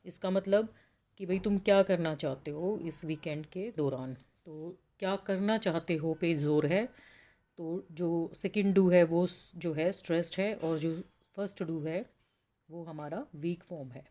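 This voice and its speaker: A woman's voice: on the low side, a little slow, warm tone. Patient Indian woman teaching pronunciation. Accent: Indian English. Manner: patient, explanatory, addresses students as children. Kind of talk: online lesson, reading English lines slowly then explaining in Hindi.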